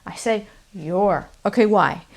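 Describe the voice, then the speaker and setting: A woman's voice: mid-range voice, slow pace. A woman with a standard American accent teaching English pronunciation in a conversational, explanatory way, often checking in with the listener. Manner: explanatory, often checks understanding with "okay?" and "right?". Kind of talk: conversational video lesson.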